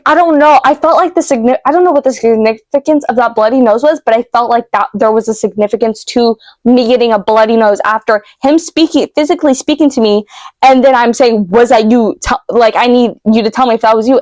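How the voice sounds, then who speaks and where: Woman vlogging about a dream, stops and restarts a lot, bit high voiced, dry room. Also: a little mellow, no room sound. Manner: emotional, halting retelling with many fillers and restarts. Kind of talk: casual storytelling to camera.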